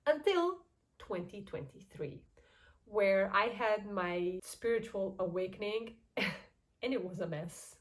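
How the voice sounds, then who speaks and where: A woman's voice: mid-range voice, low-quality recording. A young woman from Portugal with a Portuguese accent, speaking English as a second language, hosting her channel and telling a personal story in a chatty, candid way. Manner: chatty and candid, with frequent soft laughs. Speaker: YouTube channel host. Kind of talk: casual personal storytelling to camera.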